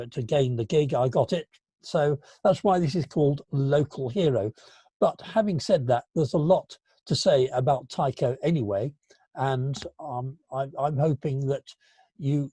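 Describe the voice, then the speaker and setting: A man in his seventies giving an illustrated lecture to an astronomy club, halting and full of fillers, with a dry, gentle humour. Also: medium pitch, husky, no echo. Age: 70s. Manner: halting, with frequent fillers and restarts. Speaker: guest speaker at an astronomy club.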